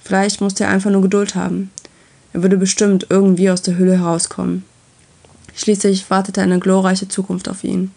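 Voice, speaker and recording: A woman narrating a fantasy story in a calm, even reading voice. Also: medium pitch, moderate pace, vocal fry.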